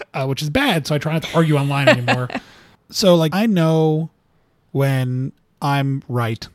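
A man's voice: on the high side, unhurried, no room sound, studio quality. A man talking casually as an interview guest, rambling with lots of fillers and laughing at his own stories. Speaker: cartoonist guest.

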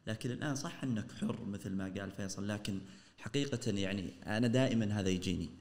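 Fast-talking Saudi man. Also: on the low side, darkish tone. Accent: Saudi Arabic. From Saudi Arabia. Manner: fast and earnest, often trailing off and restarting. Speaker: entrepreneur guest. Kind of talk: casual podcast chat.

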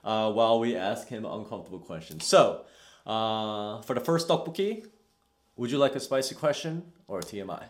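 A man's voice: fairly low pitch, expressive, normal speed. A man hosting a casual podcast interview, teasing his guest playfully and laughing often. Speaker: podcast host. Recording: roomy echo.

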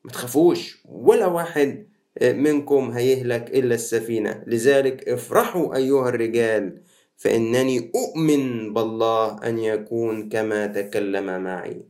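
Egyptian priest preaching in a conversational way. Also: male voice, medium pitch, moderate pace, darkish tone. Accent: Egyptian Arabic. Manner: conversational preaching, switching between colloquial and formal Arabic. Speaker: Coptic Orthodox priest. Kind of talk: sermon.

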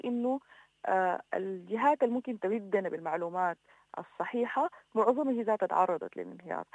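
A woman's voice: mid-range voice, vocal fry, dry recording, highs cut off. A woman with a Sudanese accent explaining things informally as an expert interview guest. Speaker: interview guest, development organization director.

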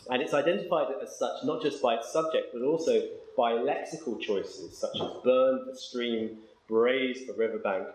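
A man giving an academic lecture, hesitating with ums and reading verse slowly and with care. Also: mid-range voice, roomy sound, rough recording. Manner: slow, measured reading of verse, then brisk explanation with ums.

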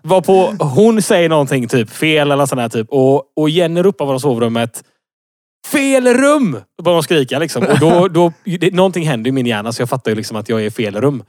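A man's voice: a little high, expressive, hardly any pauses, a little mellow, no room sound, studio quality. A man in his thirties co-hosting a casual podcast, rambling through a story with lots of fillers and laughing at himself. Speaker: podcast co-host. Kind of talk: casual chat, telling an anecdote.

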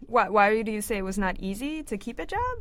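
A graduate student in her twenties hosts a science interview, moving from a scripted intro to interview questions with frequent "um" and "uh" fillers. Her medium-pitched voice is very animated, brisk and fairly bright. The mic is dry and close, with faint music and a little hiss or hum.

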